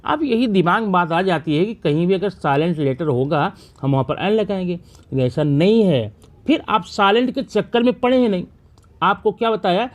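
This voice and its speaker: A man's voice: sits high, moderate pace. A male teacher explaining a grammar lesson step by step, asking questions and answering them himself.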